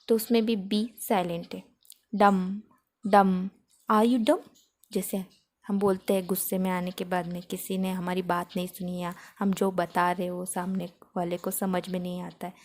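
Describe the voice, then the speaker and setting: Slow woman drilling words. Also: medium pitch, a little mellow. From Maharashtra, India. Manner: slow, repeats each word several times to drill pronunciation. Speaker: English teacher. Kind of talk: spoken English lesson.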